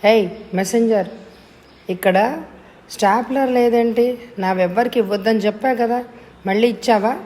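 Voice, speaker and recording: A woman voicing a loud, chatty bank clerk in her thirties who greets and scolds coworkers. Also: a little high, moderate pace, long pauses, in a large hall, pitched above the performer's own voice, close to an everyday voice. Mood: scolding.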